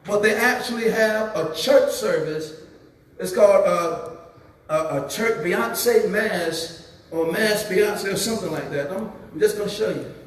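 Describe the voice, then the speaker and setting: A high-pitched male preacher drives his points home with scornful emphasis. His voice rings with a long hall reverb and sits far from the mic. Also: unhurried. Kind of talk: sermon to a youth revival.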